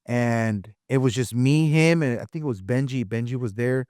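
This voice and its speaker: A man's voice: medium pitch, normal speed, darkish tone, clean tone, no echo, clean studio sound. A man, co-hosting a podcast and sharing a personal testimony in an emotional way, repeating phrases and saying "bro" often. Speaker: podcast co-host. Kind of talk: casual chat, personal testimony.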